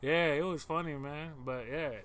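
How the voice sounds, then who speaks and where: A man from North Portland with a bright, punchy and slightly high voice chats as a guest out in a backyard. He tells loose, joking stories packed with slang. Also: fairly even intonation, normal speed, smooth. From North Portland, Oregon. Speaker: podcast guest. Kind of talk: casual anecdotal chat. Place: backyard of a house, outdoors.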